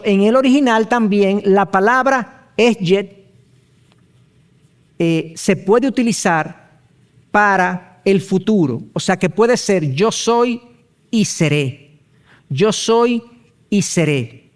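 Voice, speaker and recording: A middle-aged male pastor leads a Bible study with a high-pitched voice. He explains each point patiently and spells out terms letter by letter. He speaks at an unhurried pace and asks his listeners rhetorical questions.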